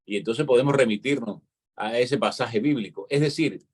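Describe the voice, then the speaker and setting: A man's voice: mid-range voice, moderate pace, slightly rough. A man with a Cuban accent, talking in a casual show conversation and explaining at length, often checking in with "¿entiendes?". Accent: Cuban Spanish. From Cuba. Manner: lecturing, explanatory, peppers talk with "¿entiendes?".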